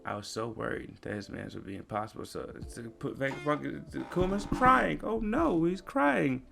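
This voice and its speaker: A man's voice: medium pitch, animated, moderate pace, vocal fry, background noise. A man giving slangy, rambling reaction commentary on a comic chapter. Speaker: anime commentator.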